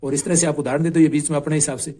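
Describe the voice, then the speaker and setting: A man coaching exam candidates talks through a marked answer sheet. His voice sits a little high but sounds mellow and soft. He explains patiently and keeps returning to the same points. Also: steady tone, rapid-fire. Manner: patient, repeats key points, often adds "ठीक है".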